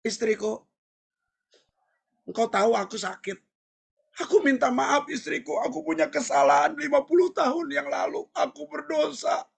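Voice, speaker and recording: Seorang pria pendeta memerankan suami tua yang sekarat dan memohon maaf kepada istrinya dengan lembut. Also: male voice, extremely high pitch, moderate pace, vocal fry, long pauses, full character voice. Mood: remorseful. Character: dying old husband, humbly apologizing to his wife.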